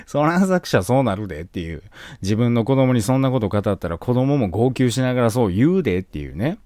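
A man's voice: mid-range voice, brisk, dry recording, studio quality. A man teaching an exam-prep lesson on classical literature with a Kansai accent, joking and acting out scenes as he explains. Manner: joking, animated, acts out scenes.

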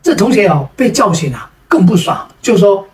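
Female joke teller with a Taiwanese Mandarin accent, mid-pitched, lively storytelling with drawn-out particles, echoey room. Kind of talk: storytelling of jokes. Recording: roomy sound from a distant mic.

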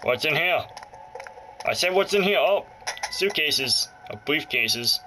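A fairly high-pitched, expressive male voice speaks slowly against a noisy background. The gaming host offers casual, jokey let's play commentary, often muttering and exclaiming as he plays, while loud handheld game music and sounds play over his voice.

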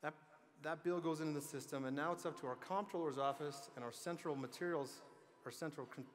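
A man's voice: on the high side, brisk. A man giving an earnest, plain-spoken keynote speech at a conference, with light joking asides. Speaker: transportation agency leader giving a conference speech. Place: large conference hall. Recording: long reverb of a big hall.

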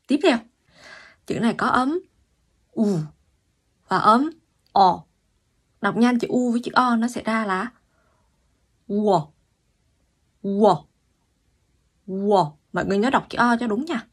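Breathy woman teaching pronunciation. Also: on the high side. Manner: explains patiently, repeats sounds slowly. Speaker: language teacher. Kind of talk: online lesson.

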